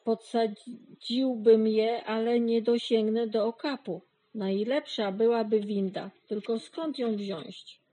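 A woman voicing a wise, modest male horse who thinks aloud slowly in a storybook reading. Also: fairly high pitch, fairly even intonation, warm tone, poor audio. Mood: pondering.

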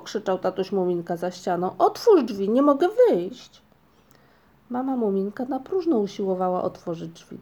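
A woman reads a children's storybook aloud, calm and steady. Her voice is warm and mellow, at a middle pitch. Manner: calm, even-paced reading aloud. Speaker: narrator. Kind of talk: storybook reading.

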